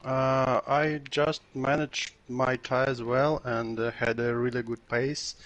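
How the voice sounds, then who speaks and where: A man who just won a race, answering interview questions slowly and haltingly with many uhs, sounding tired. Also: mid-range voice, little pitch movement, a bit bright. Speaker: race winner being interviewed.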